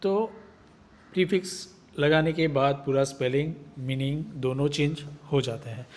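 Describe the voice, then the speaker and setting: Slow, patient male schoolteacher. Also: on the high side, darkish tone. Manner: slow, patient, repeats word pairs aloud; mixes Hindi with English terms. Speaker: teacher. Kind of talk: grammar lesson for children.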